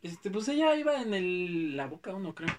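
A young man with a Mexico City accent, chatting casually and telling stories in animated, slangy talk. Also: high voice, normal speed, recorded from a distance. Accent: Mexico City Spanish. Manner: slangy, animated, acts out quotes. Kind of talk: casual chat, storytelling.

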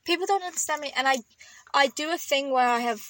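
A woman's voice: sits high, fast, a bit bright. A young woman with a London accent who says th as f and clips her words together in casual podcast chat. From London, England. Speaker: podcast co-host.

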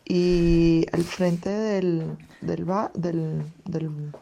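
A woman caller telling an anecdote slowly, searching for words. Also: lowish voice, fairly even intonation, vocal fry, mellow. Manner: slow, halting storyteller. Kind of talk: casual chat.

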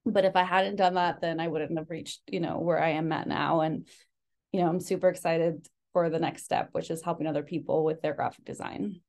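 A young woman with a lowish voice talks as a podcast guest, relaxed and easygoing, leaning on fillers like "you know" as she tells her story. She grew up in California after coming from Mexico as a baby. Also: brisk. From Mexico, raised in California. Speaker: guest, designer and business founder. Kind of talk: casual podcast interview.

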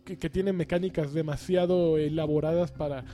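A chatty podcast host, speaking in a fairly high but mellow voice. He rambles and jokes in a relaxed way, with faint music playing underneath. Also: moderate pace. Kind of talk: casual chat.

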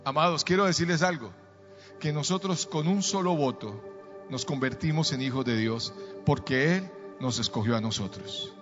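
A man's voice: a little high, moderate pace, music in the background. A middle-aged man, a pastor preaching and telling a story, calling the congregation to answer back. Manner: storytelling, calls for audience responses. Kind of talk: sermon. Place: church hall. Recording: dull sound, long reverb in a church hall.

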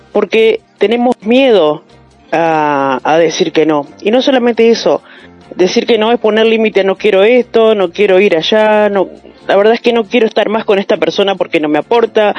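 A woman with a Rioplatense Spanish accent, talking reflectively and telling stories in a casual panel chat. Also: medium pitch. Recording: dull lo-fi sound.

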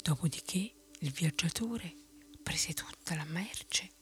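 A woman telling a bedtime story in a soft unvoiced whisper. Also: low voice, slow pace.

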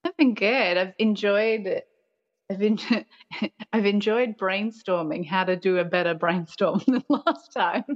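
A woman's voice: medium pitch, takes it slowly, dull audio. A woman chatting casually as a podcast guest, playful and giggly, sprinkling her talk with "like". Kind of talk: casual chat.

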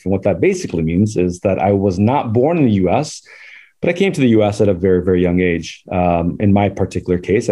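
A man's voice: on the low side, warm tone, husky. A man in his forties from Southern California, a podcast guest telling his life story in a chatty, rambling way that is full of laughs. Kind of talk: casual life-story interview.

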